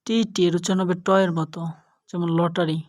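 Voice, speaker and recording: A young woman teaching an English lesson, going through letter pairs slowly and carefully. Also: on the low side, flat delivery, darkish tone. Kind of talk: slow spoken lesson.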